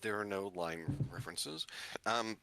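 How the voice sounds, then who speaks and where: A male tabletop player chatting casually and recapping the last session, dry and deliberate. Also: lowish voice, lively intonation, gravelly, pushed and bright, a little hiss or hum.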